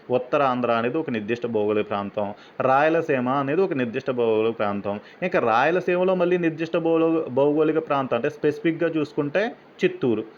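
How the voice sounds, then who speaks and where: Man explaining exam questions. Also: medium pitch. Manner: explains step by step, asks and answers his own questions. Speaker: teacher. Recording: slightly dull, faint background noise.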